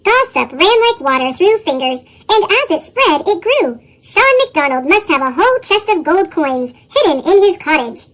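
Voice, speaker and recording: A storybook narrator whose voice is run through a sped-up chipmunk effect, reading a tale aloud with lively chuckles in the dialogue. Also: normal speed, hardly any pauses. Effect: sped-up, pitched-up chipmunk voice.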